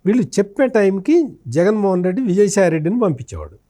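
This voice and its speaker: In this interview, a journalist breaks down politics in a high, dark-toned voice that moves quickly and swings widely in pitch. His delivery is explanatory and forceful, with self-posed questions he answers and phrases he says more than once.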